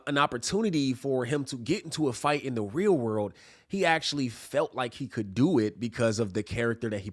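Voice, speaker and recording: A man hosting a reaction commentary, speaking earnestly and a little preachily. He leans on "okay?" to drive each point home, at a middling pitch. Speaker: reaction video host. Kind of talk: commentary on played clips.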